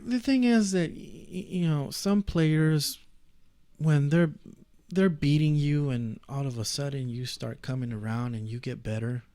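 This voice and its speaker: A man's voice: on the high side, a little slow, mellow, no echo, studio quality. A man who plays arcade fighting games, answering interview questions earnestly with some stumbling restarts. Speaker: podcast guest, arcade fighting game player. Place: podcast studio.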